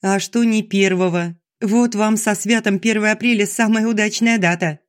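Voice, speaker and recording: A man's voice: high-pitched, steady tone, moderate pace, pitched above the performer's own voice, lightly acted. A man reading an audiobook, voicing a sly young female student who teases and mocks her friends. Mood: teasing. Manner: teasing, mocking.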